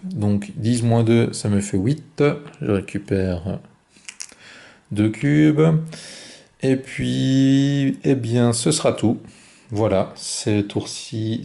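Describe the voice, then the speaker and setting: A man calmly talking through his own board game turn, explaining each card and move step by step. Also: medium pitch, gravelly. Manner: calm, methodical, explains each move aloud. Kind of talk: solo board game playthrough commentary.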